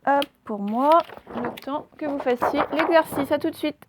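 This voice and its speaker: A woman teacher giving a recorded phonics lesson for young children, sounding out each word clearly and stressing the target sounds. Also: sits high, moderate pace, noisy background.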